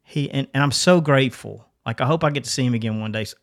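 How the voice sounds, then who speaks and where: A middle-aged man at an ordinary pitch talks through a personal story on a podcast. He is earnest and informal, often stopping and restarting his sentences as he thinks aloud. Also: fast talker. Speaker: podcast co-host. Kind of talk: casual chat, personal story.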